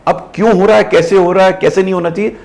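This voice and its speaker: A man's voice: high voice, fast talker, gravelly. A man in his sixties, a retired senior civil servant, giving earnest interview answers and often switching into English. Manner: emphatic, animated, earnest explaining.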